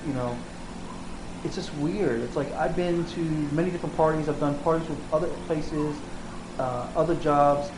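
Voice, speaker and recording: A low-pitched American woman speaks casually in an interview. She is informal and plain-spoken and tends to repeat herself. Her voice sits in an echoey room with clear background noise. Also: moderate pace. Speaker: catering business partner being interviewed.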